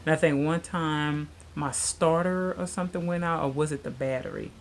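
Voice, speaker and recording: A woman's voice: sits low, steady tone, moderate pace, slight background noise. A woman in her late thirties chatting casually to her viewers, rambling with lots of fillers. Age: 30s. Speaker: vlogger. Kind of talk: casual chat.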